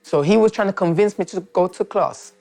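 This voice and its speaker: A young man from Turkey, telling his life story in a documentary interview, reflective and halting with many restarts. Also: high voice, vocal fry, darkish tone, faint music behind.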